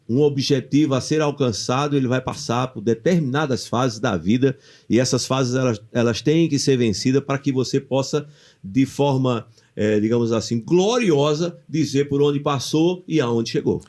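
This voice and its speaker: Animated Brazilian man asking rhetorical questions. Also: mid-range voice, unhurried. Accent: Brazilian Portuguese. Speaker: podcast co-host. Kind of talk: casual motivational chat.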